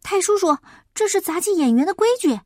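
Eager, polite boy of ten, voiced by a woman storyteller, high and lively, close and dry. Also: a little fast, dry recording. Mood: urging. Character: earnest hardworking boy of about ten.

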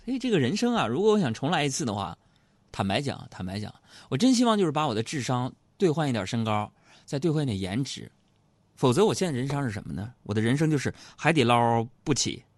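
A man telling comic stories in a lively stand-up monologue, acting out other people's voices. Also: mid-range voice, fast, no room sound. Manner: animated storytelling, acts out other voices. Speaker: comedy radio host.

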